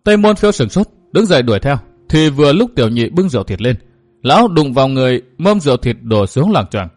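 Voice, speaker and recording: A man reading a martial-arts novel aloud in a steady, measured storytelling voice. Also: medium pitch. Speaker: narrator. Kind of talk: scripted audiobook narration of a martial-arts novel. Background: faint background music.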